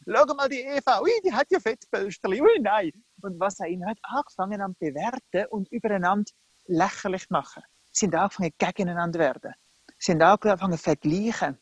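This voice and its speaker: A preacher giving a sermon in a lively, conversational way, often acting out the people in the story. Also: medium pitch, breathy edge, dry recording. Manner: lively, conversational, acts out the characters.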